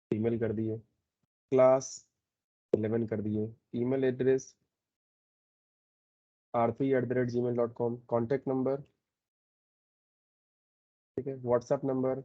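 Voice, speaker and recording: A man teaching a programming lesson, explaining step by step and often checking in with a quick "okay". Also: medium pitch, little pitch movement, dark tone, highs cut off. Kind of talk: screen-recorded coding lesson.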